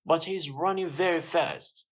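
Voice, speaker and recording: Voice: mid-range voice, measured pace, pitched above the performer's own voice, lightly acted. A narrator voicing Jim, an eager police officer, in a slightly raised voice. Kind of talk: graded-reader story voice.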